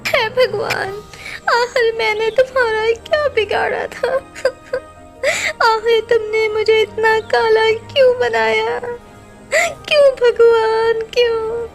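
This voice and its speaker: A woman voicing a clever, gentle young girl bird in a cartoon story, with a very high childlike voice. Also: expressive, measured pace, music in the background. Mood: sobbing.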